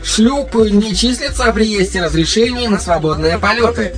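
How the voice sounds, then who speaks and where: A man voicing a dull, lifeless male combat computer that speaks in a flat monotone. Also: high-pitched, moderate pace, soft background music, pitched above the performer's own voice, close to an everyday voice. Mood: flat, mechanical. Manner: monotone, droning, emotionless. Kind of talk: audiobook reading.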